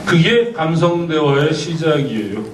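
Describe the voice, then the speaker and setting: A man's voice: on the high side, lively intonation, measured pace, a crowd in the background. Man lecturing in an echoey hall. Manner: asks the audience questions and has them repeat phrases. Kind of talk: lecture on communication. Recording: roomy, distant mic, faint background noise.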